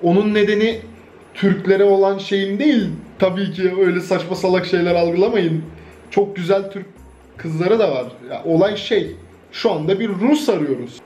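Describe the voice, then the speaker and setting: A man's voice: high voice, moderate pace, warm tone, highs cut off, faint music behind. A young man from Turkey chatting casually in a vlog, joking, swearing freely and laughing often. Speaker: YouTuber.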